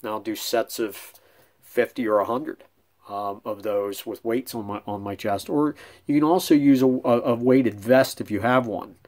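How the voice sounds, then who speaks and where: A man's voice: mid-range voice, fairly even intonation, moderate pace, a little mellow. A middle-aged man giving casual bowling fitness tips in a small room at home, talking with frequent ums and restarts. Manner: conversational, many restarts and ums, demonstrating with hands. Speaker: bowling coach. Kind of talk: casual instructional vlog.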